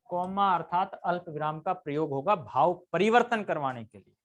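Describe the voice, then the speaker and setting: A man's voice: high voice, animated, normal speed, highs cut off. A man teaching a live grammar lesson, constantly quizzing his students with questions and answering them himself.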